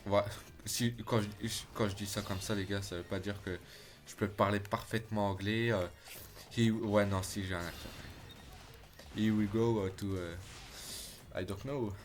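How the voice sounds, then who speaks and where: This is a lowish male voice speaking at a measured pace, with a little hiss or hum on the recording. He's streaming a game, chatting casually and excitedly with viewers he addresses as "les gars," and cursing whenever the game gets on his nerves.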